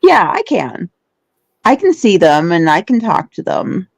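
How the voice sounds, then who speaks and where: A woman's voice: on the low side, very animated, a little slow, gravelly, no room sound, studio quality. A woman guest chatting casually, hesitant and often searching for her words. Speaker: guest who gives readings. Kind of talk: casual chat.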